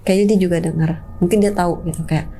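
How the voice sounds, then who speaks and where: Animated woman with a lilt. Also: fairly low pitch, fast talker, slight background noise. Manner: animated, acts out scenes, drops into whispers for quoted voices. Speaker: guest telling her own ghost story. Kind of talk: casual spoken storytelling.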